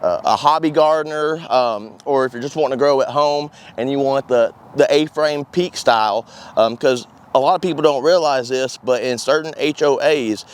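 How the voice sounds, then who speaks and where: A man's voice: medium pitch, normal speed, clear, resonant tone. A man in his thirties presenting products to camera outdoors, explaining in a folksy, plain-spoken way. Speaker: company presenter for greenhouse kits. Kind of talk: informal product walkthrough to camera. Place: outdoors at a greenhouse demo yard.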